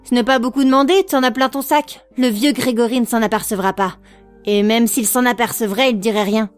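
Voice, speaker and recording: A woman's voice: a little high, fairly even intonation, fairly quick, faint music behind, lightly acted. A woman voicing a mysterious teenage girl who speaks in a cool, commanding and teasing way.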